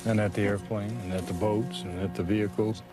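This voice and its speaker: A man talking casually and unscripted in the field, a bit halting as he thinks aloud. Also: on the low side, fairly even intonation, over music.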